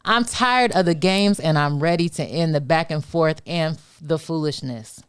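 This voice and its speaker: A woman's voice: deep voice, moderate pace, clean tone, no echo, clean studio sound. A woman from Detroit, a podcast guest, reading a spoken word poem in a defiant, rhythmic delivery. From Detroit, USA.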